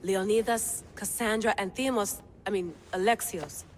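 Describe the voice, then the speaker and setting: The actress uses a mid-range voice, a little slow and lightly acted, for a game cutscene role: an intense, sardonic researcher and cell leader whose obsession with an artifact drives her past every warning. Long reverb and faint noise color the recording.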